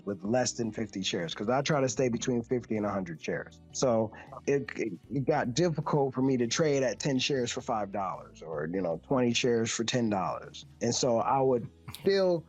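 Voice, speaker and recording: A man's voice: mid-range voice, a little mellow. A man calling in to a show, talking casually in a rambling way, often interrupting and repeating himself. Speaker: caller to a trading show. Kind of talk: radio show caller, casual chat.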